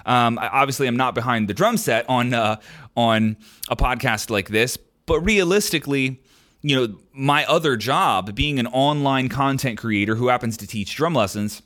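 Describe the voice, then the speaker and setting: At a normal pace, a young adult man fields listener questions on his podcast in a mid-range, slightly bright voice. His talk is open and meandering, with frequent ums and restarts, captured by a podcast microphone.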